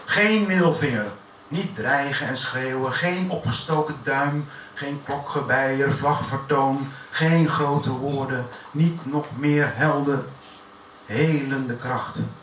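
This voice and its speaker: A man recites his own poetry in a café, pacing each line with measured, deliberate pauses. His voice sits mid-range and comes from well back in an echoey room. A steady hiss of noise runs under it. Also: medium pitch. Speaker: poet. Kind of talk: poetry reading at a live event. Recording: echoey room from far off, noisy.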